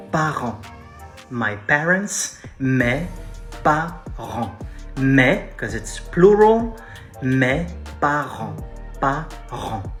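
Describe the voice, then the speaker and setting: Man, pronunciation teacher, repeats words, unhurried delivery, faint background music. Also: medium pitch, a bit bright. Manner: repeats words slowly, chatty asides. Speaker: French teacher. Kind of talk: pronunciation lesson.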